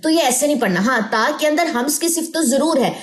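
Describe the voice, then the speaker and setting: A woman teaching a Quran recitation lesson, explaining patiently and drawing out letter sounds slowly in drills. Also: high voice, expressive. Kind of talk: slow tajweed lesson with drawn-out recitation drills.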